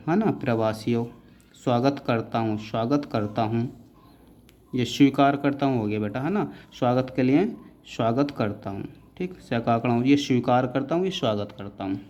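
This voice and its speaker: A man teaches shorthand outlines at an unhurried, deliberate pace. He says each word, breaks it into strokes and repeats it, and his pitch sits in the middle range for a man. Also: darkish tone. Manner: often adds the tag "है ना" and gives short instructions. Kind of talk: dictation-style tutorial explaining outlines.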